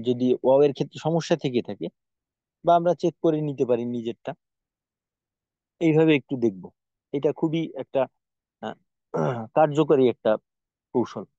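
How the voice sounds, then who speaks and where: A man teaching Quranic pronunciation, patiently demonstrating each sound by repeating it slowly. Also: fairly high pitch, warm tone, no room sound, highs cut off. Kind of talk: spoken lesson on pronunciation.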